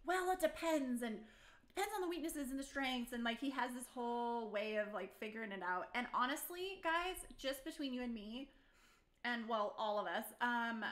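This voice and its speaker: A woman's voice: a little high, fairly bright tone. A young woman co-hosting a live stream in casual, chatty talk, bubbly and often laughing. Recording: roomy echoey sound.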